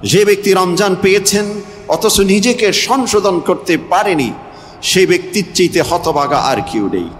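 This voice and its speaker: A man's voice: high voice, expressive, moderate pace, long reverb tail, slight background noise. A man preaching a Bengali waz sermon, repeating phrases in rhythm and swinging his voice up and down for emphasis. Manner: rhythmic repetition, voice rising and falling for emphasis.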